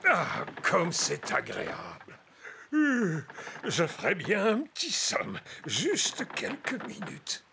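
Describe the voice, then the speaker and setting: Creaky old grandfather pig. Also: high-pitched, wildly swooping pitch, slow, background noise, heavily acted. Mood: content, sleepy. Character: Papy Pig, hearty old grandfather pig, keen treasure hunter. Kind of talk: children's cartoon dub.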